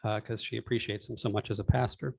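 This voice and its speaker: A man's voice: on the low side, little pitch movement, fast, gravelly, a little mellow, no room sound. A man preaching in a conversational sermon style, in a wry, exasperated, ranting manner. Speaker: pastor preaching. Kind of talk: sermon, conversational with read-out article.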